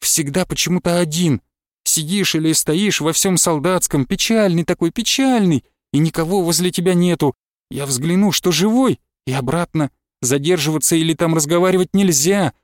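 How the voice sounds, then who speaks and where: A man's voice: on the high side, moderate pace, no echo, studio quality, lightly acted. A man voicing a pleading young peasant wife.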